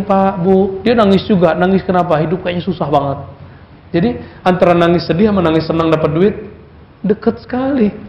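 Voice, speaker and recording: A man's voice: sits high, a little hiss or hum. A male preacher giving a conversational religious lecture, often putting questions to his audience. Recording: echoey, dull lecture recording.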